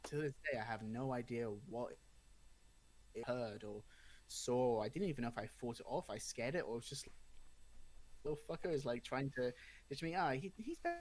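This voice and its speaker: A man's voice: medium pitch, moderate pace, pauses often, low-quality recording. A young adult man casually telling a spooky personal story, acting out the dialogue as he goes. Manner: animated retelling with acted-out dialogue.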